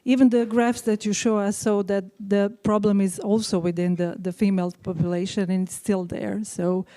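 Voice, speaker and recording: A woman's voice: mid-range voice, flat delivery, moderate pace, mellow. A woman from Croatia with a Croatian accent, asking a question from the audience of a lecture hall in an earnest, persistent way.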